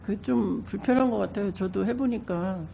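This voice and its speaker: Female councillor, congested with a cold, heavy fry in a dark tone, measured and courteous formal questioning. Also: mid-range voice, a little hiss or hum. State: stuffy nose from a cold. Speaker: council committee member asking questions.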